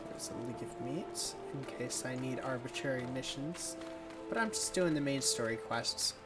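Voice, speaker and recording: A man casually commenting while playing a video game on stream, thinking aloud in a relaxed way. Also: mid-range voice, moderate pace. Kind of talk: casual let's-play commentary. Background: game music.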